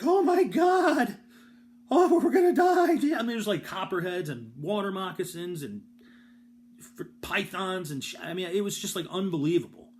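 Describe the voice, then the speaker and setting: A man's voice: fairly high pitch, slight background noise. A man casually telling a rambling personal story, profane and self-deprecating, with comic exaggeration and frequent restarts. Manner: frequent restarts and filler words. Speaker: storyteller host.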